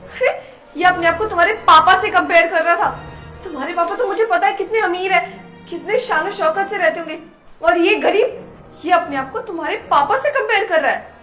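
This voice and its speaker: A woman's voice: brisk, fairly bright tone, faint music behind. A woman acting a snobbish young woman who scolds and looks down on poor people in a melodramatic skit. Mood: scornful. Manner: scolding, contemptuous, shrill outbursts. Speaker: actor in a short skit.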